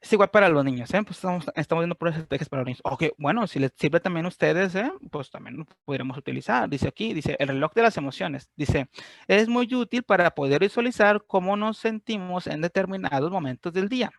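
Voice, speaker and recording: Man, Mexican Spanish accent, chatty teacher voice, fairly high pitch, dry close sound. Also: expressive, fast talker, gravelly, no echo. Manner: chatty, constantly checks in with listeners. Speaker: teacher giving a class on grief. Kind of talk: informal online class talk.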